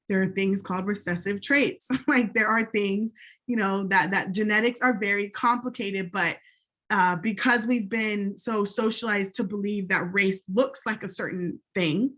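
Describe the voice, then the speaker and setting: A woman's voice: medium pitch, a bit bright. Conversational woman lecturing on sociology. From United States. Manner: conversational, frequent "right?" and "um". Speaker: sociology instructor. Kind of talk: recorded college lecture.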